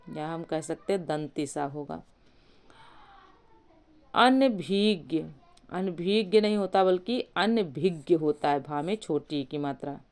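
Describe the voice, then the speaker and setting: A woman teaching a spelling lesson, slowly and deliberately breaking words into their parts and asking questions as she goes. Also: on the low side, darkish tone, clear, resonant tone.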